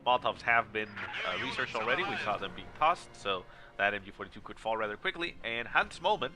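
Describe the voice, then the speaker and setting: A man's voice: lowish voice, lively intonation, fast talker, sharp tone. Nasal, stuffed-up male game commentator. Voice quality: nasal, congested voice. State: sick with a stuffy nose. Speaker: esports match commentator. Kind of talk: live strategy game commentary. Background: video game battle sounds and music.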